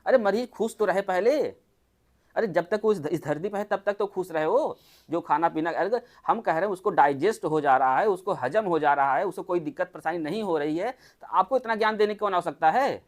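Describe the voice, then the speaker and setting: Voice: mid-range voice, expressive, a little fast. A TB doctor gives an informal health talk to a small group, in a chatty way with many rhetorical questions. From Uttar Pradesh, India.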